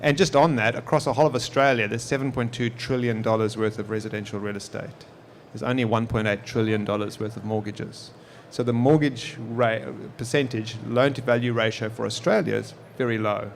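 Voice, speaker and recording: Speaking fairly quickly with fairly even intonation at a medium pitch, this man answers interview questions conversationally. He's a tech executive in his forties with a South African accent, a guest at a live expo-stage podcast, and a little hiss or hum is audible.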